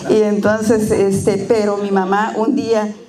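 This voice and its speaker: A middle-aged woman offers a personal testimony and prayer at a church service as a church member giving a reflection. Her medium-pitched voice is flat and slow, tender and plainspoken with frequent hesitations, and crowd noise can be heard.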